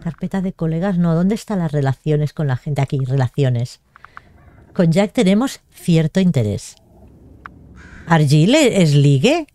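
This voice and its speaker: A woman's voice: low voice, lively intonation, measured pace, warm tone. A young woman giving casual, chatty gameplay commentary and talking to herself as she plays. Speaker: gaming video host.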